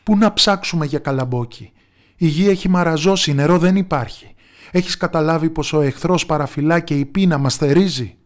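A man voicing an angry crowd of starving villagers in a folktale, shouting indignantly. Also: fairly high pitch, voice pushed up, lightly acted. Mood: outraged.

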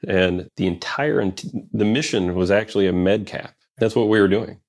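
This interview guest, a Special Forces veteran, has a low, steady, slightly mellow voice and a moderate pace. He tells casual, rambling stories about his service, often using fillers and starting over.

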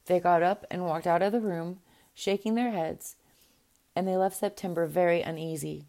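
A woman narrating a fairy tale in a measured way, with small restarts. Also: on the low side, steady tone, vocal fry, warm tone.

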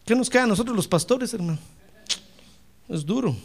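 A male pastor preaching a sermon, telling stories and rising to shouted praise. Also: high voice, expressive, brisk.

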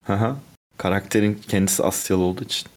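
Man reasoning calmly in a podcast chat. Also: sits low. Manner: measured, reasoning aloud. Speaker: podcast co-host.

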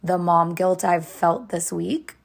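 Young woman co-host, a bit hoarse, loud and gabby, lowish voice, loose casual chat. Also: slow pace. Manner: loud, chatty, lots of fillers. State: slightly hoarse from tiredness. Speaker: podcast co-host.

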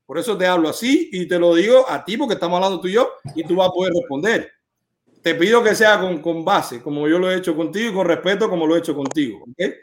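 A man's voice: sits high, fast, a little hiss or hum. A man hosting a live stream, arguing insistently and lecturing a caller point by point.

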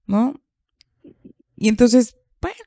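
A woman psychologist, calmly explaining and asking rhetorical questions in a podcast conversation. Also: on the high side, slow, no echo, clean studio sound. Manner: calm, explanatory, asks herself rhetorical questions.

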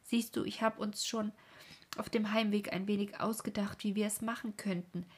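A woman reading aloud, voicing a solemn, warm-hearted mother in a breathy voice. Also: mid-range voice, fairly even intonation, normal speed, natural voice.

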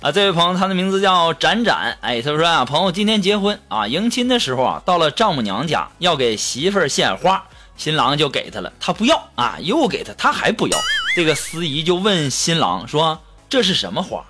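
Guy reading jokes on his show, high bouncy voice, music under it. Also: brisk. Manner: lively, teasing, acts out quotes. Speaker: host reading listener jokes. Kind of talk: comic joke reading. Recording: music playing behind.

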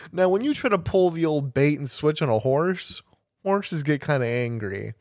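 A man's voice: fairly high pitch, animated, a little slow, no echo, studio quality. A young man chatting casually as a podcast co-host, rambling through a story with restarts and bursts of laughter. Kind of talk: casual chat.

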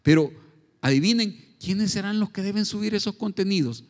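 A man's voice: sits high, moderate pace. A man preaching a sermon in a conversational way, often asking for agreement and restarting his phrases. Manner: conversational, frequent tag questions and restarts. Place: church. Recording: long reverb of a church hall.

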